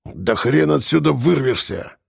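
A surly, short-tempered tough guy, as a male storyteller plays him, speaking in a curt growl with a gravelly rasp. The recording is dry and close, like a studio audiobook. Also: a little high, animated, normal speed, a little mellow, no room sound, exaggerated voice. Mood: sullen.

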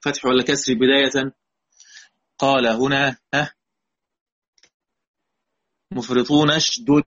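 A man's voice: mid-range voice, steady tone, a little slow, pauses often, fairly bright tone, highs cut off. A man with an Egyptian accent teaching a recorded lesson on Quranic readings, patiently repeating key words and quizzing his students. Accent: Egyptian Arabic.

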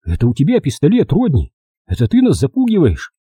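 A man's voice: fairly high pitch, wildly swooping pitch, fairly quick, dark tone, breathy edge, no room sound, studio quality, voice pushed up, exaggerated voice. A man playing a frightened young man who pleads urgently, in an audiobook reading.

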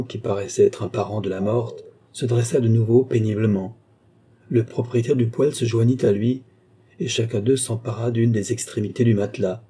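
A man narrating a literary novel in a steady, even reading. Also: on the low side, slightly rough. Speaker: audiobook narrator.

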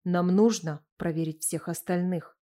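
Hesitant, polite man, lower and softer, as a woman narrator puts him on. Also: fairly even intonation, unhurried, close to an everyday voice. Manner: hesitant, quiet.

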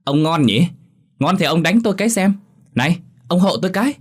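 A man voicing a rude, defiant young daughter who mocks and shouts insults at her parents, in a spoken horror story. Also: animated, brisk, husky. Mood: scornful. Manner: shrill, mocking, shouting insults.

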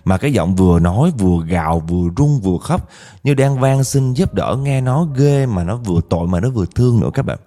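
A man's voice: lowish voice, lively intonation, a little fast, mellow. A man narrating a ghost story casually, chatting directly with his listeners.

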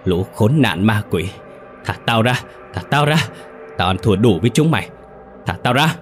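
A man voicing a terrified old rich murderer who shouts and stammers pleas. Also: on the low side, normal speed, soft background music, natural voice. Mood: furious pleading.

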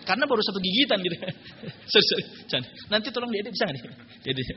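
A male Islamic preacher telling a story in a humorous religious lecture, joking and animated. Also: high-pitched, rapid-fire, dull audio, a little hiss or hum.

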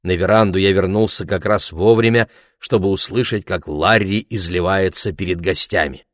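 A man narrating an audiobook in an expressive storytelling voice. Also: low voice, normal speed, dry recording, studio quality. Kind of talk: scripted narration.

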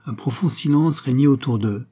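A man narrating a classic novel in a steady, measured reading. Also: mid-range voice, husky. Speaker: audiobook narrator.

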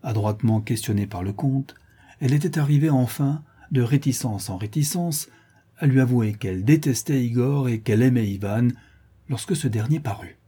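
A man narrating a classic story in a measured audiobook reading. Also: mid-range voice, mellow, slightly rough.

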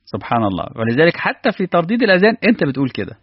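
A man with an Egyptian accent preaching a sermon, animated and asking his listeners rhetorical questions. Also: fairly high pitch, very fast, slightly rough, dry recording. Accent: Egyptian Arabic. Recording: dull, lo-fi dry recording.

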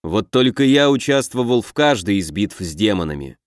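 A man voicing a weary, grim giant guard who speaks slowly and gravely in an audiobook. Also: sing-song, no echo, clean studio sound. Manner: slow, rumbling, grave. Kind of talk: audiobook character voice.

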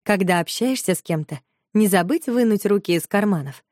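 A woman narrating a children's story, reading clearly and expressively. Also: medium pitch, animated, fairly quick, darkish tone, no room sound, clean studio sound.

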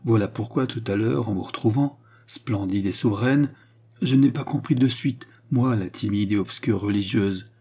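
A young nun answers in stiff, restrained, formal words, with sorrow under them, as a man reads her in an audiobook. The voice is dark and mellow, slightly husky. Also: fairly low pitch, moderate pace. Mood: mournful. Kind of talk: audiobook character reading.

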